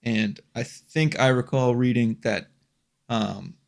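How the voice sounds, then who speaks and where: An easygoing man in a mid-range voice, trading stories in a casual podcast chat. He laughs often and keeps a relaxed, chatty manner. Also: mid-range voice, slow pace, creaky. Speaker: podcast co-host.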